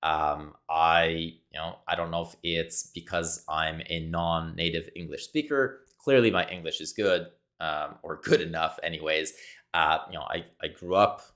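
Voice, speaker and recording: Deep-voiced and a bit bright, this French-speaking Québécois man talks to camera in accented English, a little slowly and in a steady tone. His solo monologue, caught on the camera mic, is searching and repetitive, as though he's thinking out loud. He comes from Quebec, Canada.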